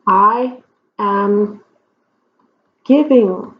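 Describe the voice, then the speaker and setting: Patient language teacher, woman, drawn-out pacing, frequent "okay?" check-ins. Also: medium pitch. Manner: slow, deliberate explanations with frequent check-ins. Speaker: Spanish teacher. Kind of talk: whiteboard grammar lesson. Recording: dull lo-fi recording.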